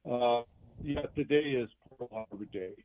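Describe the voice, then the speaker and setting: A man's voice: medium pitch, a little slow. An older man calling in as a radio show guest, talking hesitantly with lots of fillers while his phone connection keeps breaking up and cutting out. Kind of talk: casual radio chat. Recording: tinny phone line, dry.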